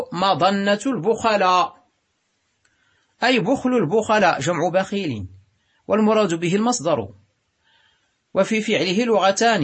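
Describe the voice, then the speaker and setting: A husky, high-sitting male voice from Morocco teaches Arabic grammar, reading a passage aloud and explaining it slowly and deliberately. He stretches out words and pauses with hesitations.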